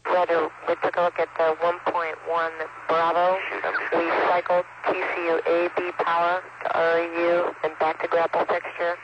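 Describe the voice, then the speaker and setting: A man's voice: on the high side, completely flat delivery, normal speed, few pauses. A male astronaut speaking in clipped radio procedure talk over a crackly space-to-ground radio link. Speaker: astronaut crew member. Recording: lo-fi radio with loud static.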